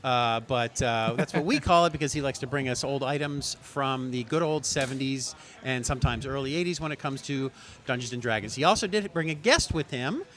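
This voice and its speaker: A man's voice: medium pitch, a little fast, a bit bright. A man hosting a podcast in casual chat, bustling and fussing over the setup. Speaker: podcast host. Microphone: headset mic.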